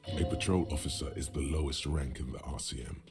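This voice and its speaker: A man narrating a video game in a dry, wry, measured way. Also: rumbling low, darkish tone, soft background music.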